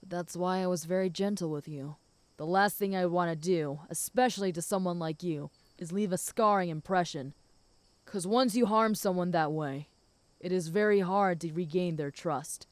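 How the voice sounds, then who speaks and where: A woman voicing a flirty, possessive and protective female werewolf in an intimate audio role-play, speaking teasingly to the listener in a smooth voice. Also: lowish voice, moderate pace, no echo, lightly acted. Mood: calm, teasing. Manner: flirty, teasing, with soft chuckles.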